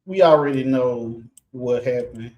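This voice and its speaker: A man's voice: medium pitch, unhurried, darkish tone, highs cut off. Casual male reaction-show host. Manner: casual, loose, many fillers.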